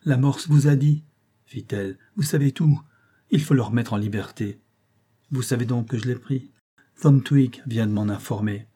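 A man's voice: normal speed, mellow, breathy edge, natural voice. Man voicing a desperate pleading mother. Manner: pleading, emotional, rising high.

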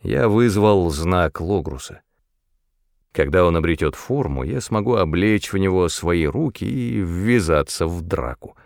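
A man narrating a fantasy audiobook in the first person, measured and expressive. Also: low-pitched, gravelly, no room sound, clean studio sound.

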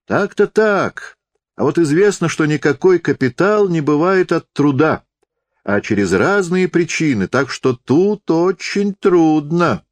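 A man's voice: a little high, lively intonation, measured pace, dry recording, pitched above the performer's own voice. A man reading a story voices a pious young woman novice who preaches in a thin little voice. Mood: earnest, preachy.

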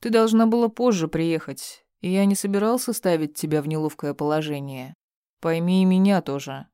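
A woman's voice: on the low side, normal speed, warm tone, clear, resonant tone, no echo, studio quality, natural voice. A woman voicing a stern, protective grown man who speaks firmly and curtly, in an audiobook reading. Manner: firm, curt.

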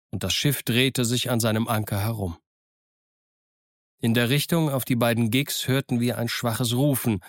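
A man's voice: medium pitch, dry recording. Man reading an audiobook, dry sound. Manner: steady, measured reading. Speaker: audiobook reader. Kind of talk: scripted narration.

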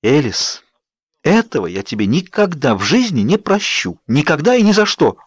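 A man's voice: on the high side, big pitch swings, normal speed, slightly rough, dry recording, voice pushed up. A man voicing an exasperated, stubborn young woman in an audiobook, protesting and grumbling. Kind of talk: audiobook character voice.

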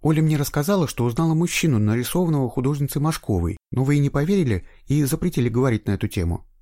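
A man's voice: medium pitch, lively intonation, racing, mellow, dry recording, studio quality, pitched above the performer's own voice, lightly acted. A man voicing an eager young female trainee investigator in an audiobook, with a raised, insistent voice. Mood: earnest. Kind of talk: audiobook reading.

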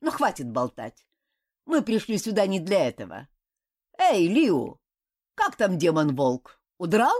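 A woman's voice: lowish voice, wildly swooping pitch, unhurried, darkish tone, heavily acted. A woman doing a haughty boy leader. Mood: commanding. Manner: self-important. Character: haughty elder boy leader, preaching, commanding.

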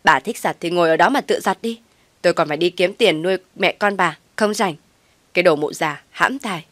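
A woman voicing a brash, mocking young wife who shouts at her mother-in-law. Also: medium pitch, animated, normal speed, no room sound, lightly acted. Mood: shouting scornfully. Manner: shouting, scornful.

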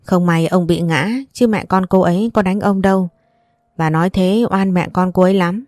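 A woman's voice: fairly low pitch, fairly even intonation, normal speed, darkish tone, dry recording, clean studio sound, faint music behind, lightly acted. A woman voicing a polite young man who earnestly explains. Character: young man, polite nephew-in-law, apologetic.

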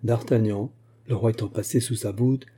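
A male audiobook narrator with a very dark, mellow tone and a husky edge. He tells the story in a measured, steady way, letting each sentence unfold calmly. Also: on the low side.

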